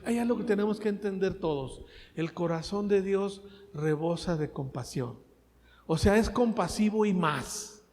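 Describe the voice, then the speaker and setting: A man preaching a sermon, asking the congregation questions and swinging between loud and soft. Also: high voice, in a large hall. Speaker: pastor.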